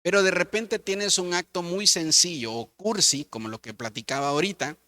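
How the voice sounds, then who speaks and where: A man's voice: high-pitched, moderate pace, sharp tone, no room sound. A middle-aged man, a pastor, talking in a church conversation who playfully acts out his children's voices.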